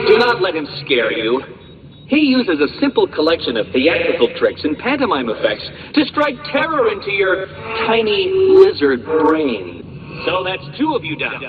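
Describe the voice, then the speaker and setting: A male actor with a slightly high voice plays an arrogant, condescending genius villain in a video game, sneering through pompous, wordy lines. The highs in the recording are cut off.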